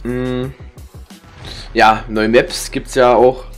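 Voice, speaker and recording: A man's voice: mid-range voice, flat delivery, extremely slow. Grumbling young man over music. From Germany. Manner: slangy, swearing, grumbling. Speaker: gaming streamer. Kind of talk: casual rambling gameplay commentary. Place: indoor room with webcam.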